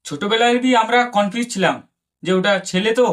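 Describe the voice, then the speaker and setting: A man's voice: high-pitched, fairly quick. A man performing a bickering, exasperated back-and-forth in a comedy sketch. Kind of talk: comedy sketch with several characters. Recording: noisy background.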